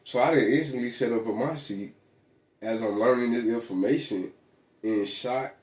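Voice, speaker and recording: A man's voice: mid-range voice, normal speed, darkish tone. A man vlogging in a casual, rambling monologue, full of slang, fillers and restarts. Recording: echoey room.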